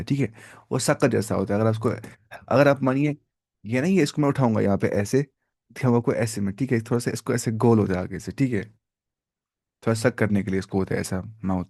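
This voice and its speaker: A man teaching a live online biology class in a casual, conversational way. He keeps asking his students questions, then answers them himself, stretching out key terms slowly. The recording is dry and close, with little room sound. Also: fairly low pitch, creaky, dark tone, dry recording. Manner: mixes English science terms into casual Hindi.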